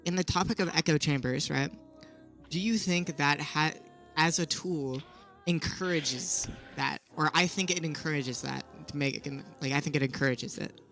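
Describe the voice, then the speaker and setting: A speaker with a measured, thoughtful manner, hedging claims and posing questions to steer the discussion. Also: medium pitch, gravelly, fairly bright tone. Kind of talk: casual discussion. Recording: faint music behind.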